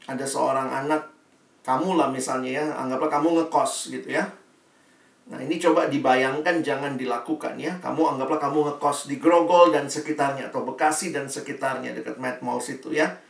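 A man's voice: mid-range voice, moderate pace, vocal fry. A man preaching a sermon, telling a vivid story and acting out the characters in it. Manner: animated, acts out characters in an illustration. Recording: roomy hall sound, voice a bit distant from mic.

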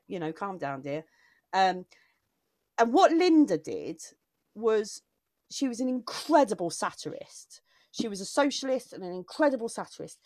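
Woman comic, heartfelt and digressive chat, mid pitch, dry sound. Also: no echo. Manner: emotional, digressive, with restarts. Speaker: comedian. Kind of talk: casual chat.

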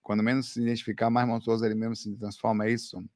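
A Brazilian man with a lowish voice races through a casual live stream, recorded with studio quality and no echo. He answers viewer questions through animated, laughing stories loaded with slang such as "velho" and "cara."

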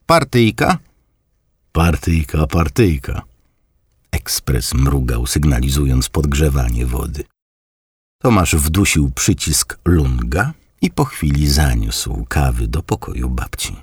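A man narrating an audiobook in a measured, even storytelling manner. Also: very deep voice, breathy edge, no room sound, studio quality. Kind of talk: scripted narration.

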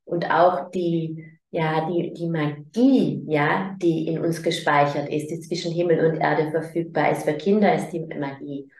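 A middle-aged woman, a spiritual coach, giving a calm spoken talk in a gentle, soothing manner that often softens into quiet phrases spoken to a child. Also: low voice, unhurried, few pauses, echoey room. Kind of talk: calm spoken teaching monologue.

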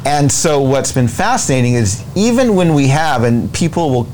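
An American man giving deliberate, emphatic explanations as an interview guest, often repeating phrases to build a point. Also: medium pitch, sing-song, darkish tone. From United States. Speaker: interview guest, presidential candidate. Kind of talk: explanatory political interview talk. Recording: noticeable background noise.

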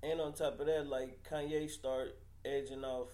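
A man's voice: mid-range voice, level tone, moderate pace, mellow, reverberant. A man hosting a casual group debate with blunt, slangy, opinionated ribbing. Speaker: show host. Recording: faint background noise.

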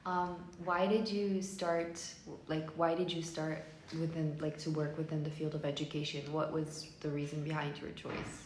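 Turkish lady hosting a podcast, lowish voice, friendly questions, roomy echo. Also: little pitch movement, moderate pace, hardly any pauses, slight background noise. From Turkey. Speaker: podcast host. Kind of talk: podcast interview.

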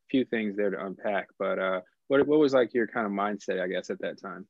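A man's voice: fairly low pitch, a little fast, vocal fry, no echo. A man hosting an interview, asking long, rambling questions full of fillers. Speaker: interview host. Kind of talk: remote interview. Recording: dry, dull lo-fi audio.

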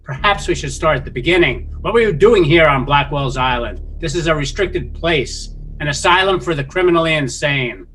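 Composed, skeptical asylum doctor. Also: male voice, fairly high pitch, lively intonation, a bit bright, soft background music, poor audio. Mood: probing. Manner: measured, condescending, probing. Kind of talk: dramatic audio drama acting.

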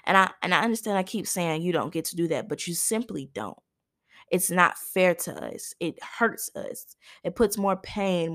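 A young woman hosting her own talk show, speaking in an impassioned, emphatic monologue that often repeats and restarts phrases. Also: fairly low pitch. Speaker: podcast host. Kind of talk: personal commentary monologue.

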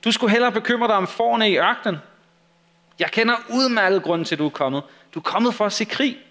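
A man's voice: high-pitched, fairly bright tone, voice pushed up. Man doing Eliab, an angry scolding older brother. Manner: scolding, rapid.

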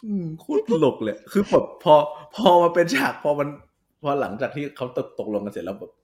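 A man's voice: mid-range voice, very animated, a little fast. A man co-hosting a podcast, chatting casually and laughing as he retells comedy film scenes. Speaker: podcast co-host.

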